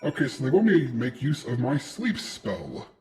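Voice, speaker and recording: A man's voice: medium pitch, wildly swooping pitch, normal speed, a little mellow, soft background music. A man casually commenting on his game and reading its quest text aloud, with dry, joking asides. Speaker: gameplay video host.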